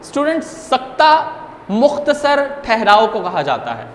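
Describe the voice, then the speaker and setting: A man giving an online grammar lesson to students, explaining each point in a deliberate way and speaking to them directly. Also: extremely high pitch, huge pitch swings, slight background noise. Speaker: Urdu teacher. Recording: echoey room with long reverb.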